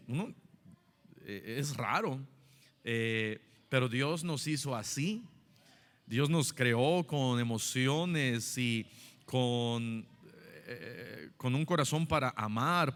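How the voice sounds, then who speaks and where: A man's voice: medium pitch, a bit bright. A middle-aged man preaching a Sunday school sermon as pastor, telling personal stories in a conversational way with many fillers and restarts. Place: church hall. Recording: long hall reverb.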